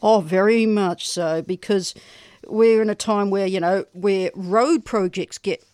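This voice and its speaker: Australian woman, radio host, casual chat, quick asides, dry studio sound. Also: medium pitch, darkish tone, dry recording. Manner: chatty, self-deprecating, quick asides.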